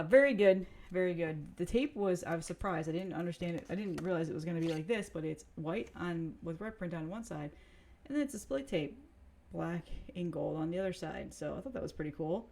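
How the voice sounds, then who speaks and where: A woman's voice: low voice, vocal fry, a little mellow. A woman vlogger chatting casually to camera, rambling with fillers and restarts as she shows off cassettes. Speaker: music vlogger reviewing cassettes. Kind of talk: casual chat.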